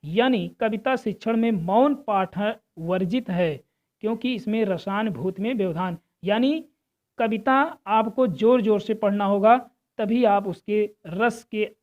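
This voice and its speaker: A woman's voice: medium pitch, unhurried, dull audio. A woman teaching exam preparation, reading out multiple-choice questions and steadily explaining each answer while addressing viewers as friends.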